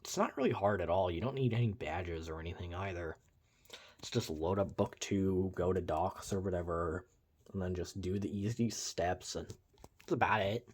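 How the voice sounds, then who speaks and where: A man's voice: low voice, moderate pace, darkish tone, husky. A young man giving casual, rambling commentary over gameplay, full of "like" and "uh", with wry, sarcastic asides. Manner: rambling, uses many fillers like "like" and "uh". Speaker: gameplay reviewer.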